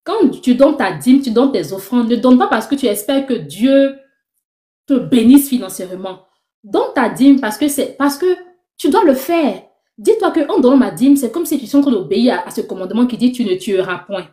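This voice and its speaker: A young woman giving a lively personal faith testimony, acting out the conversations she tells. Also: on the high side, normal speed. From Ivory Coast. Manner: animated storytelling, acting out dialogue. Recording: roomy echo.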